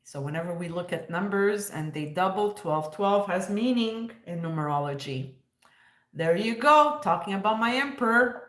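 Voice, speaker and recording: A woman's voice: mid-range voice, animated, moderate pace, fairly bright tone, echoey room. Joking, laughing woman in her fifties. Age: 50s. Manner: joking, sarcastic, laughs often. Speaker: livestream host. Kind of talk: casual livestream chat.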